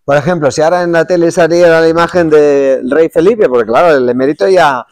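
A man's voice: fairly high pitch, brisk, darkish tone, a little hiss or hum. A man hosting an intimate interview, asking probing, curious questions. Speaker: show host.

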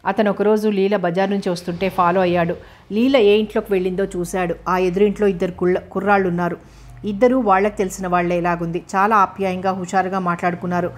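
In an even, storytelling manner, a woman narrates a novel for audiobook and voices all of its characters herself. She speaks at a quick pace in a mid-range voice.

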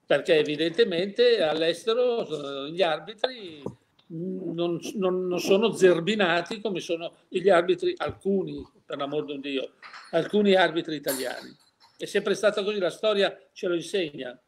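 A man's voice: fairly high pitch, normal speed, a little hiss or hum. An older man giving an interview, opinionated and full of rhetorical questions, often restarting his sentences. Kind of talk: casual interview.

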